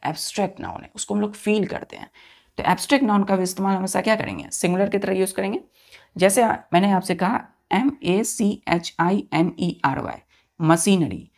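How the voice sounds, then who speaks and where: A male teacher runs a grammar lesson, addressing his students as children. He spells each word out letter by letter and keeps checking in with a short "okay". He often poses a question and answers it himself. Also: high-pitched.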